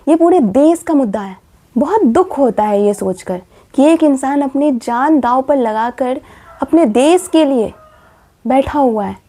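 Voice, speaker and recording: High-voiced earnest woman vlogger. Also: mellow. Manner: impassioned, asks pointed rhetorical questions. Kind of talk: earnest commentary vlog.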